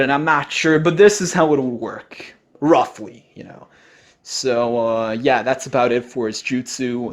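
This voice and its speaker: A man giving casual voice-over commentary on game footage, talking informally and rambling with plenty of fillers and the odd swear. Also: medium pitch. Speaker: gaming video creator.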